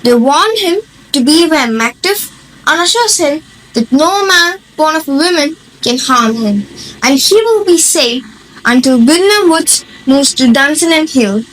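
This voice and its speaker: A woman's voice: high voice, expressive, unhurried, a bit bright, a little hiss or hum, low-quality recording. A woman reading scripted narration for a stage play.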